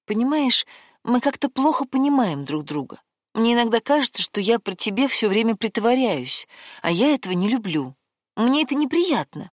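A woman voicing a worried young woman who gently but persistently presses her partner, in an audiobook. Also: a little high, very animated, normal speed, dry recording, studio quality, pitched above the performer's own voice. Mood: earnest.

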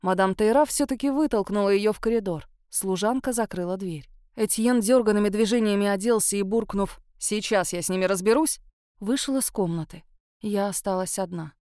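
A woman reading a first-person novel aloud as an expressive audiobook narrator. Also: medium pitch, fairly quick, no room sound, studio quality. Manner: lively, expressive storytelling.

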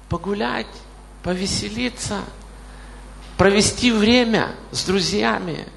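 A pastor in his late forties preaches a sermon, often putting questions directly to his congregation. His voice is high, gravelly and a bit bright, and it rings out in a reverberant hall.

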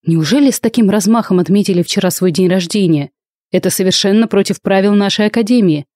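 A woman's voice: medium pitch, fast talker, mellow, dry recording, studio quality, close to an everyday voice. A woman reading a stern, weary rector. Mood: scolding. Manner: formal and admonishing.

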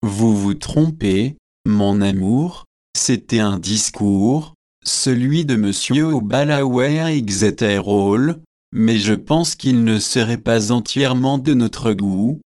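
A man reading the part of a prim, fussy young newly married gentleman in an audiobook, speaking in a doting, proper way. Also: mid-range voice, slow, natural voice.

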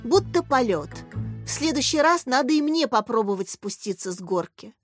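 A woman voicing a gentle, anxious teenage girl in an audiobook, speaking softly in a raised voice. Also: fairly high pitch, animated, moderate pace, soft background music, close to an everyday voice. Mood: cheerful.

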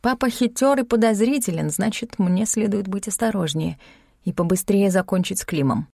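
A woman reading a first-person story aloud in a measured, wry manner. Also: mid-range voice, vocal fry, a little mellow, no echo, clean studio sound. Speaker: audiobook narrator. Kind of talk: first-person scripted narration.

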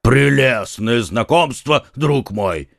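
Dude doing a gravelly blabbermouth musketeer, always teasing, dry close audiobook sound. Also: male voice, mid-range voice, expressive, slow, no echo, heavily acted. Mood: mocking. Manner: teasing, scoffing. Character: loud boastful male musketeer, mocking and indiscreet.

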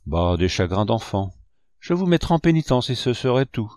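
A man reading the lines of a kindly, grave painter who is an uncle, in a gentle, fatherly manner. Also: medium pitch, big pitch swings, normal speed, no room sound, studio quality, close to an everyday voice.

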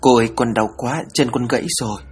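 Shrill vengeful child ghost, as a man puts her on. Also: fairly even intonation, fast, slightly rough. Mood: pleading.

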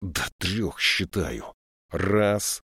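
A man voicing a tense police officer who speaks in a hoarse, commanding, menacing way. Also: low-pitched, expressive, very slow, a bit bright, no room sound, studio quality, heavily acted. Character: tense, hard-edged postwar police officer.

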